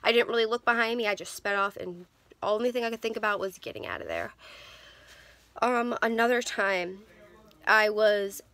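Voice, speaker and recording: A woman in her twenties vlogs from a car to her phone camera, candidly telling stories with lots of ums and restarts. Her medium-pitched voice swings widely in pitch, sounding pushed and bright at a moderate pace, with no echo.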